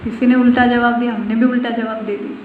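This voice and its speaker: A woman's voice: fairly high pitch, flat delivery, fast, slight background noise. A woman spiritual teacher giving a devotional discourse, repeating phrases and putting questions to her listeners. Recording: far-off voice in an echoey room on a tinny phone-like line.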